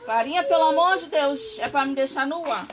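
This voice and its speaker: A woman's voice: sits high, moderate pace, noisy background. A woman hosting a casual craft live stream, chatting with viewers and greeting them by name.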